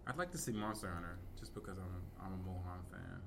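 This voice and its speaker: A man's voice: deep voice, fast, creaky, background noise. A man co-hosting a podcast, chatting playfully and laughing often. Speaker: podcast co-host. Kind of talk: casual chat.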